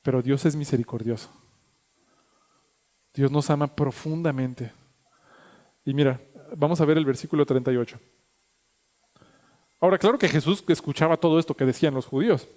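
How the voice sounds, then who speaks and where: A high-pitched man preaching a Sunday sermon in a church. His voice rings with a long hall reverb, and it lifts and grows louder at the emphatic points. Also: moderate pace, pauses often. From Mexico. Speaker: pastor. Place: church sanctuary.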